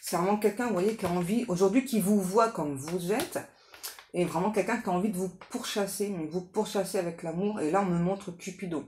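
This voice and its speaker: A woman giving a casual, improvised tarot reading straight to the listener, halting and repetitive, often adding little tag words for agreement. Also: lowish voice, darkish tone. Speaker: tarot card reader hosting a guidance channel. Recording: echoey room with faint background noise.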